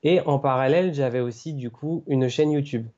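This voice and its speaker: A hesitant man speaking as a podcast guest, stumbling over repeated words and fillers. His voice is mellow and dark, heard over dull lo-fi call audio. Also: mid-range voice, normal speed. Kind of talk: casual podcast interview. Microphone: call over Skype.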